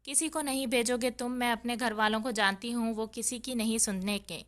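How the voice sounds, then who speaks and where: Desperate young bride-to-be, pleading and tearful, smooth clear high voice, read by a woman narrator. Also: steady tone, fairly bright tone, natural voice. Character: desperate young woman fleeing a forced marriage.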